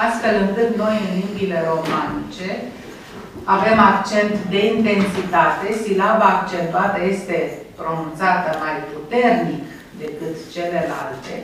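A university lecturer giving a Latin lesson who explains patiently, slows down to sound out examples, and checks in with the class. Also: medium pitch, fairly bright tone, a little hiss or hum. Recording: very echoey room recorded from a distance.

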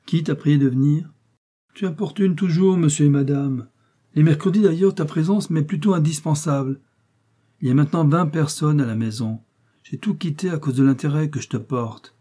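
A man's voice: a little high, moderate pace, warm tone, slightly rough, voice pushed up. A man voicing a pompous, self-important middle-aged village pharmacist who lectures and scolds at length. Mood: scolding.

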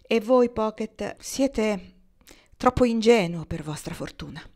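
A poised young woman card dealer speaks calmly, pronouncing each word with care, as a woman reading an audiobook puts her on. Her tone stays serene and faintly mischievous. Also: mid-range voice, voice pushed up. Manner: calm, deliberate, enunciating.

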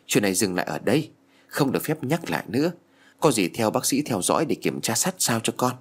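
A man's voice: lowish voice, very animated, fairly quick, breathy edge. Man doing a stern scolding father. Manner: scolding, curt.

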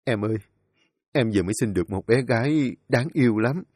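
A man's voice: mid-range voice, expressive, brisk, a little mellow, no room sound, studio quality, natural voice. A man voicing a grief-stricken young husband who pleads tearfully with his dying wife. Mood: tender pleading. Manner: sobbing, pleading, voice breaking.

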